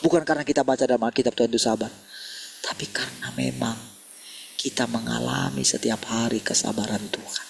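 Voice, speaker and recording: A man's voice: medium pitch, fairly even intonation, fairly quick, creaky, slight background noise. A man preaching a sermon, calling his listeners "saudara" and asking many rhetorical questions.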